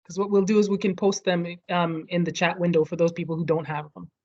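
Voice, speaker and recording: Her voice is fairly low and dark, with a flat delivery and a quick pace. She leads an online study session over video call from a home close to street fireworks, explaining a topic and checking in with the group, and the call audio sounds muffled.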